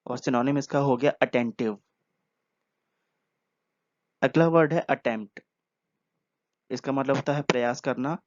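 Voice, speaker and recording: A man giving a word-by-word vocabulary lesson, patient, repeating each word and explaining it slowly. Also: mid-range voice, no room sound. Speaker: English vocabulary teacher. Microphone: earphone mic. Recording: dull lo-fi earphone recording.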